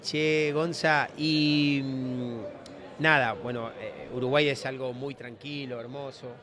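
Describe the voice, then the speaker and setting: A man's voice: mid-range voice, steady tone, slow pace, a crowd in the background. A man hosting a casual interview, talking loosely with many restarts. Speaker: host. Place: trade fair floor.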